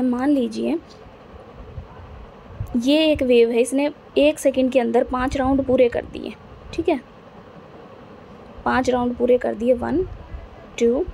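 A woman's voice: high-pitched, creaky, warm tone, a little hiss or hum. A woman teaching a physics lesson in style classroom talk, patiently repeating points and checking that students follow. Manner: repetitive, patient, checks understanding often. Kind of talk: classroom lecture explaining to students.

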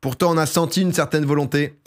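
A young man with a sore throat chatting casually and excitably on a live stream, jumping into loud, high bursts. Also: fast.

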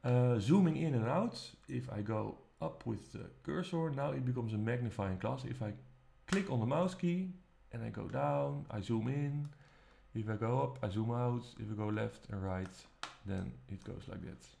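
A man teaching music production, walking through the software step by step in a relaxed, casual way. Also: mid-range voice, moderate pace, creaky, slight background noise. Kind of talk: screen-recorded software tutorial. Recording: faint music playing behind. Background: faint music.

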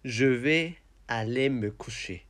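Very slow-talking man teaching beginners. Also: mid-range voice. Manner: deliberate, tired and deadpan. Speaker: vlogger, language teacher. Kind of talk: slow, simple speech for beginners.

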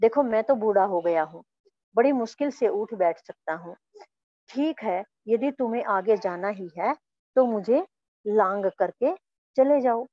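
A woman voicing an old, weak male monkey who gently pleads to be left alone as she reads a story lesson aloud. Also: medium pitch, expressive, unhurried, no room sound, dull audio. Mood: weary. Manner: soft, plaintive storytelling voice.

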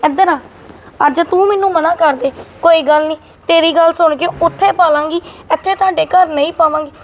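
A woman's voice: steady tone, a little fast, slight background noise. A woman playing a feisty married elder sister who scolds her younger brother, speaking in a family short film. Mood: taunting. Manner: scolding, defiant, high-pitched.

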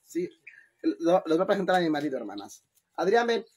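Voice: mid-range voice, sing-song, a little fast, breathy edge. A person with a Mexican accent chatting on a phone livestream at home, profane and chatty, often laughing and bustling about. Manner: chatty and profane, keeps calling the audience "sisters"; loud and laughing, dashing around the house with the phone. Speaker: livestream host. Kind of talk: casual livestream chat.

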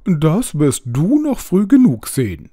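A man voicing an indignant, bossy owl with a hoarse voice in a storybook reading. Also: a little high, huge pitch swings, measured pace, dark tone, no echo, studio quality, pitched above the performer's own voice, full character voice. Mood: bossy, frantic. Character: furious, soaked, selfish owl. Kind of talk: audiobook character voice.

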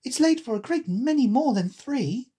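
Alice, a woman voicing a prim, high-pitched young girl. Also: expressive, normal speed, warm tone, breathy edge. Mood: indignant. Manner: prim, earnest. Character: polite, indignant, curious young girl Alice.

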